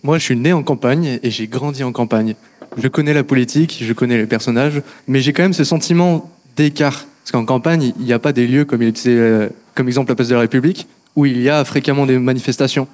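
A man's voice: mid-range voice, fairly quick, a little mellow. A man who grew up in the countryside, earnestly asking a question in a political discussion.

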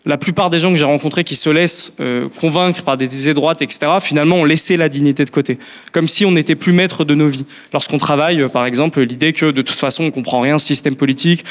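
A man's voice: on the high side, in a large hall. A man who is a member of parliament, answering questions in a political discussion, thoughtful and hesitant with many restarts.

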